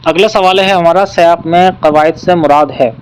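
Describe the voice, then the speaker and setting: A man with a fairly high voice teaches an exam-prep lesson. He works through each question patiently and repeats the key points. Faint traffic noise sits behind him. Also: steady tone, poor audio.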